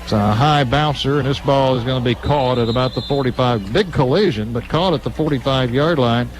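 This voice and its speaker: This American man is the radio play-by-play announcer at a high school football game, working from the stadium's broadcast position. His medium-pitched voice comes across brisk, in a clipped running commentary that swells on big plays. The recording sounds rough.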